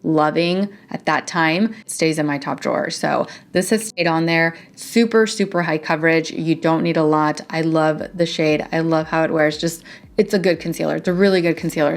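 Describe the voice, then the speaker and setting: Chatty woman reviewing makeup, lowish voice. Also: vocal fry. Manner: chatty and self-deprecating, quick asides. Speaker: beauty vlogger. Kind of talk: casual product review.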